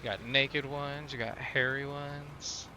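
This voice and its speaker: Speaking slowly in an even, mid-range voice over background noise, the Midwestern American streamer from Illinois loosely chats with his viewers during a game. His live-stream talk is rambling and packed with fillers.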